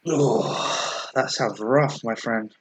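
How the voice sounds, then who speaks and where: A man at mid pitch chats casually as a player in a tabletop game. He is excitable, jumps in eagerly, and often breaks into laughter. Faint background hiss runs under his voice. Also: moderate pace.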